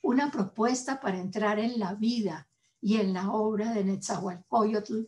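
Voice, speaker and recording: Delivering a formal, scripted address as host, a woman with a Colombian Spanish accent speaks solemnly and measuredly, pausing with intent. She has a medium-pitched voice with a darkish tone.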